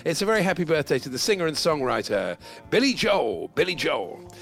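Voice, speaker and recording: A man's voice: fairly high pitch, sing-song, fairly quick, vocal fry, fairly bright tone, soft background music. A man presenting a radio quiz in a jokey, anecdotal, punning way.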